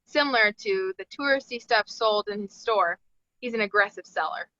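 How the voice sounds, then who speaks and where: At a table read, a woman reads out a script's stage directions in a bright, mid-pitched voice at normal speed. The recording is very dry and slightly dull in fidelity.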